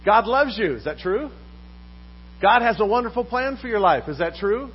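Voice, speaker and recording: Lively pastor, muffled hum. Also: male voice, high-pitched, moderate pace, slightly rough. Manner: lively, poses questions to the congregation. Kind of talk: sermon. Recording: dull recording with faint mains hum.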